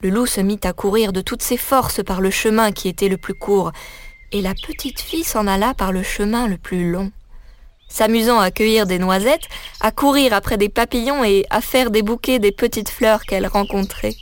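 A woman reading a fairy tale aloud as a storyteller, in a measured and expressive way. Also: mid-range voice, a little hiss or hum.

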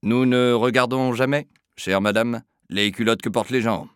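A man voicing a calm, brisk male receptionist in a spoken story, with a sonorous, firm delivery. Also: mid-range voice, dry recording, voice pushed up. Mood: unruffled. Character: unflappable male receptionist, brisk and dryly ironic.

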